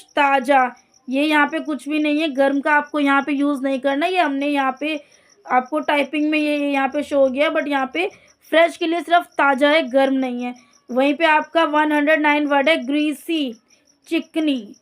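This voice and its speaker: High-voiced woman teaching word lists. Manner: repeats each word and its meaning slowly, addresses students directly. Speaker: English teacher. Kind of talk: vocabulary lesson, reading word lists.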